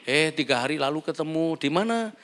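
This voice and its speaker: A man's voice: a little high, lively intonation, fairly bright tone. A pastor playing a chatty woman who fires off eager questions on the phone. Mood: prying. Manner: eager, rapid-fire questions.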